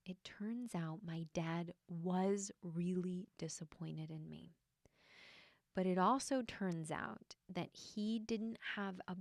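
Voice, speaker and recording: A young adult woman, a podcast host and healer, tells a personal story in a soft, reflective, hesitant way, with frequent fillers. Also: mid-range voice, dry recording, clean studio sound.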